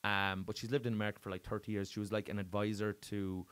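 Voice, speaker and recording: An Irish man, a guest comedian, in casual podcast chat, loud and jokey and swearing freely. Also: lowish voice, flat delivery, quick pace, clean tone. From Ireland. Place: podcast studio.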